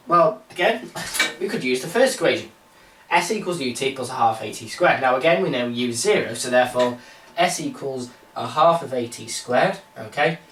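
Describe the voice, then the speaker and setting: A man's voice: mid-range voice, fairly bright tone, distant mic, slight background noise. A young man explains a mechanics exam question in a loose, chatty tutorial. He rambles and pokes fun at himself as he goes. His voice comes from a step back from the mic and carries a roomy echo. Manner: casual, rambling, self-mocking asides. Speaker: maths tutor. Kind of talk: informal exam walkthrough.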